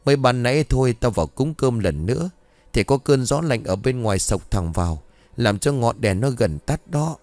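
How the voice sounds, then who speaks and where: A man's voice: medium pitch, lively intonation, moderate pace, darkish tone, no room sound, lightly acted. A man voicing a stern, bossy old woman who scolds her servants in a ghost story. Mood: scolding.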